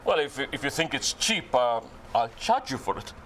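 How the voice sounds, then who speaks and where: A man's voice: medium pitch, very animated, normal speed, a bit bright, a little hiss or hum. An actor playing a jovial man who keeps joking and teasing. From South Africa. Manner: joking, teasing, laughs often. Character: jovial South African Indian man, joking fixer.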